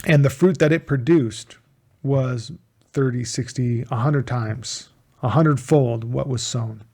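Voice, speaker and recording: A man in an even middle register gives an informal Bible teaching. He speaks earnestly, often repeating key words for emphasis and restarting his phrases as he goes. He is from the United States. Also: medium pitch, unhurried, breathy edge.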